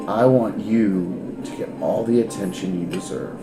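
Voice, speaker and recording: A man voicing an older female performer who speaks gently, slowly and earnestly. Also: lowish voice, natural voice. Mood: wistful. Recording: roomy echo with music behind.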